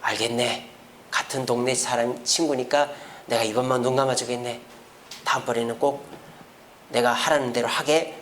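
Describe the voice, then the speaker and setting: A man voicing a cold, menacing male tax collector in a low, curt tone. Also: steady tone, moderate pace, long pauses, a bit bright, a little hiss or hum, lightly acted.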